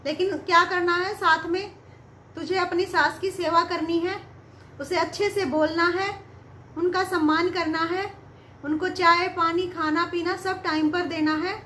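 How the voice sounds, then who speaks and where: A woman voicing a wise, kindly father who gently reassures his daughter in a spoken story. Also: extremely high pitch, a little hiss or hum, full character voice. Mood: advising. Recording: roomy echo.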